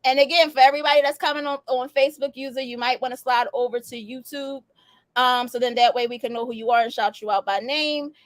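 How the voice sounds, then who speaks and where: A woman's voice: high-pitched, steady tone, fast, no echo. A woman hosting a casual talk show, slangy and loose, laughing often. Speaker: podcast host. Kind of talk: casual chat.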